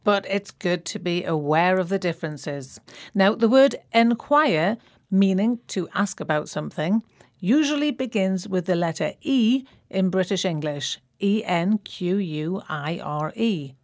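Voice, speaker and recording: A woman presenting a scripted language lesson, speaking clearly and spelling words out letter by letter. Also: on the low side, expressive, a little slow, a little mellow, no echo, studio quality.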